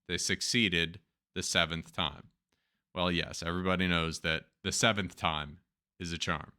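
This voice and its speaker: A male show host with a Turkish accent reads the news and then jokes around in chatty asides. His voice sits low, with a bright, forceful tone.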